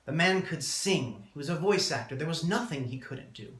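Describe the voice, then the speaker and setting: A man delivering a prepared eulogy as a speech, solemn and measured, with deliberate pauses. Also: on the high side, expressive, a bit bright. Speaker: student speaker giving a eulogy. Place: indoor room, public speaking class. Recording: roomy, echoing room sound.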